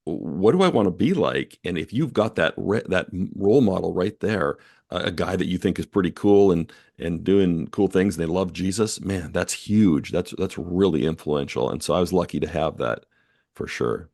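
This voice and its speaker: This is a man with a deep, low voice, talking as a podcast guest. He sounds earnest and reflective and often fills his pauses with "um" and "you know." The recording is dry and close, with no room sound. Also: vocal fry, a little mellow, no echo. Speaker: guest author and editor. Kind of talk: conversational podcast interview.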